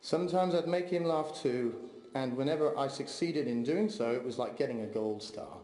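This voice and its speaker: A man delivering a heartfelt memorial eulogy for his father, speaking in a measured, steady way. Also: mid-range voice. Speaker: eulogy speaker, son of the deceased. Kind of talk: memorial eulogy read aloud. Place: large memorial hall. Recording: echoey hall, long reverb.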